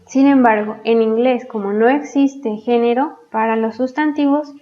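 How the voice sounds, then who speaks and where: A woman teaching English grammar, explaining patiently and pronouncing example words slowly and clearly. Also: a little high, fairly even intonation. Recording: dull lo-fi sound.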